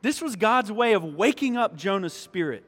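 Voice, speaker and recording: A pastor preaching a sermon in a church, emphatic, repeating key lines and speaking directly to the congregation. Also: male voice, high-pitched, sing-song, normal speed, fairly bright tone. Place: church sanctuary. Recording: long hall reverb.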